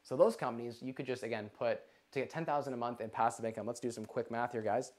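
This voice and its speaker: A man in his twenties hosts a live stream answering investing questions from a living room with a couch. His mid-range voice moves fast, and he's energetic, gesturing a lot and saying "like" constantly.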